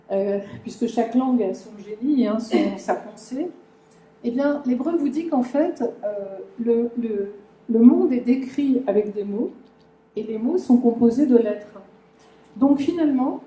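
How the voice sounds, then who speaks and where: A woman's voice: fairly high pitch, mellow. A woman giving a conference lecture, talking to the audience with many fillers and restarts. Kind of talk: conference talk explaining a language. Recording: echoey lecture room.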